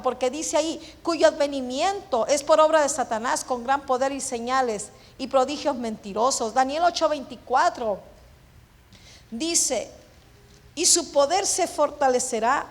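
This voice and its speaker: A woman with a high voice preaches a sermon in a reverberant church hall. She puts questions to her listeners and answers them herself. Her delivery swings between low, hushed phrases and raised, emphatic passages. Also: a little slow.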